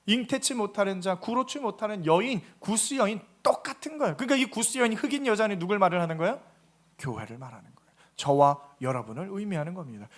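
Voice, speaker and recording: A man's voice: extremely high pitch, fairly bright tone. A man preaching a Sunday sermon as pastor, emphatic and throwing rhetorical questions at the congregation.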